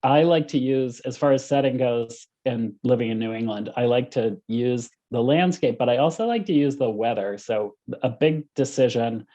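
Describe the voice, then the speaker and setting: A man author in a panel talk, speaking hesitantly with many pauses and restarts. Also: mid-range voice, warm tone. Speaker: author guest. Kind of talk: panel discussion. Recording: muffled lo-fi audio.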